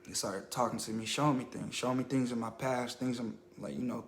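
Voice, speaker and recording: A man's voice: mid-range voice, fairly even intonation, brisk, reverberant, slight background noise. A man sharing a personal religious testimony on a phone livestream, telling it in a casual, earnest way with many fillers. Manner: earnest storytelling, full of fillers and "I kid you not".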